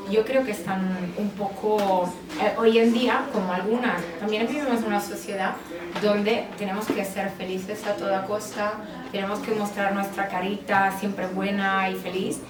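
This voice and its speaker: A psychologist and author with an Italian accent presents her book in a bookstore event space, full of hesitations and fillers. Her voice is mid-range with fairly even intonation at a moderate pace. A distant mic captures a roomy sound with crowd and background noise.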